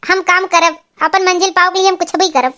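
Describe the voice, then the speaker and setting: A woman doing a meek, shrill village girl. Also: little pitch movement, brisk, bright, forceful tone. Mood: humble. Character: poor teenage girl, meek and hardworking. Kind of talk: cartoon voice acting.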